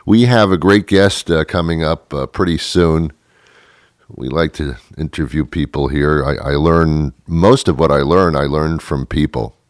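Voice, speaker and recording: A man's voice: very deep voice, a little slow, no echo, clean studio sound. A man in his thirties hosting a talk show, rambling through a sarcastic, self-mocking monologue that often trails off. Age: 30s.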